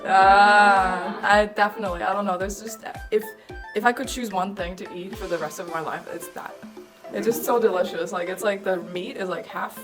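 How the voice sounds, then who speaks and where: A young woman from Iceland, an international student, chatting in a lively way. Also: medium pitch, normal speed. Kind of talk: casual group chat. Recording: music under the voice.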